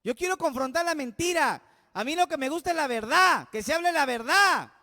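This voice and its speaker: A pastor preaching an emphatic sermon, often putting questions to the congregation. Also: male voice, extremely high pitch, animated, moderate pace, creaky, pushed and bright. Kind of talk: expository sermon. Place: church. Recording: long church-hall reverb.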